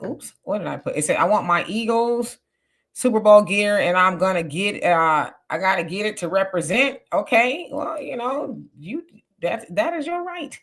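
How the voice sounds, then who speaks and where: A woman's voice: fairly low pitch, a bit bright. A woman in her fifties chats on a livestream, reading out viewer comments. She talks casually, with easy fillers and asides. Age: 50s. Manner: chatty, reads comments aloud with fillers.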